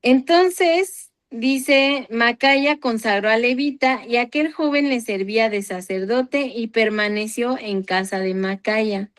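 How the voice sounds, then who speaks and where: A woman's voice: a little high, slow, few pauses. A woman leading a Bible reading circle, reading scripture passages aloud and commenting on them, apparently over a video call.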